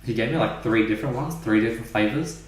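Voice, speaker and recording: A man's voice: medium pitch, fast talker. A young man hosting a podcast, telling a story in casual chat with lots of "like" fillers. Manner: rambling, many "like" fillers. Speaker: podcast host. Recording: roomy echo, mic at a distance.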